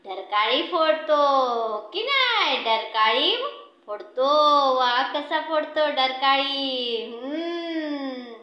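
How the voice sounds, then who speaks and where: A woman teaching preschoolers, her voice very high and bright as she coaxes them along in a slow, sing-song way. She asks questions and praises every answer. The sound is echoey, as if from a bare room. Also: animated. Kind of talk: teaching small children animal sounds.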